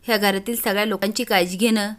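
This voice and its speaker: A woman's voice: medium pitch, steady tone, quick pace, fairly bright tone, natural voice. A woman narrator voicing a humble, devoted young village woman. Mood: earnest.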